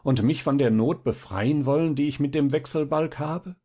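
A man's voice: fairly low pitch, expressive, unhurried, a little mellow, breathy edge, exaggerated voice. A man voicing a poor, distressed peasant mother who pleads in a tearful, whining way.

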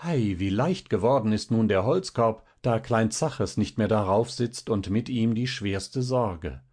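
A man's voice: lowish voice, animated, a little slow, darkish tone. A man voicing a poor, distressed peasant mother who pleads in a tearful, whining way. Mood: wondering.

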